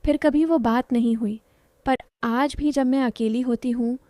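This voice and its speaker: Warm-voiced woman telling an emotional story. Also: sits high, steady tone, a little slow, dry recording, clean studio sound. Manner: soft, heartfelt, confiding. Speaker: first-person narrator. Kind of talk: scripted narration of an emotional story.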